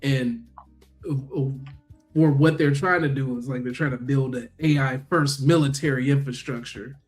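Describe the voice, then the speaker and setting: A man's voice: mid-range voice, steady tone, normal speed, faint music behind. A man co-hosting a casual podcast, loosely explaining news points in a conversational way. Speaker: podcast co-host. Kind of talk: casual panel chat.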